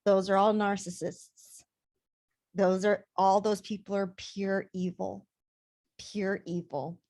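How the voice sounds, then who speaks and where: A woman's voice: medium pitch, little pitch movement, slow, a little mellow. A woman life coach talking casually to camera in her vlog, emphatic and repeating words for stress.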